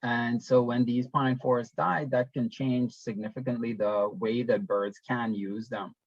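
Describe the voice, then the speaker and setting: A young man from the Bahamas giving a webinar presentation over a video call, talking in a relaxed, conversational way with frequent ums and restarts. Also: mid-range voice, a little slow, no echo. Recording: dull, dry webinar audio.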